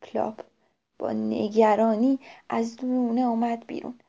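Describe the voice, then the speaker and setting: A woman's voice: on the high side, gravelly. A woman narrating a children's story, often turning to speak to the children directly. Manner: lively, addresses the children directly. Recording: dull lo-fi recording.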